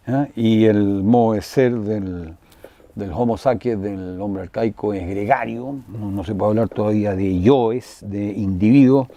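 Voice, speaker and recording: An older man giving a university philosophy lecture, digressive and full of tag questions and fillers, clearing his throat now and then. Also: mid-range voice, dark tone, no room sound. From Chile.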